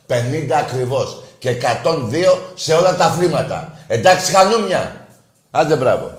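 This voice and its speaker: A man co-hosting a sports call-in show, mocking rival fans loudly and cutting callers off. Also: a little high, lively intonation, reverberant. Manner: loud, mocking, quick to shout at rival fans. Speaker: sports radio co-host. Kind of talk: heated call-in banter.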